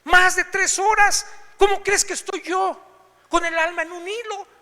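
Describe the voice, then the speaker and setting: Guy doing a freaked-out wife voice, super high and shrill, echoey hall. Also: fairly even intonation, moderate pace, gravelly, bright, forceful tone, full character voice. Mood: panicked. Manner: shrill, pleading, emotional. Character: panicked frightened wife, woman, middle-aged.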